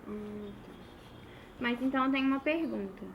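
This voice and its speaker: A woman's voice: fairly high pitch, moderate pace, dull audio, a little hiss or hum. A woman taking an English lesson, giving short attentive replies and asking questions. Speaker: student. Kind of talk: lesson dialogue.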